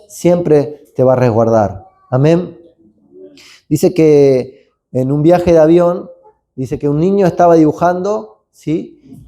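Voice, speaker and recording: Dark-toned male pastor, chatty sermon. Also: medium pitch. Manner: conversational, rambling asides, frequent "¿no?" tags; acts out sounds and screams.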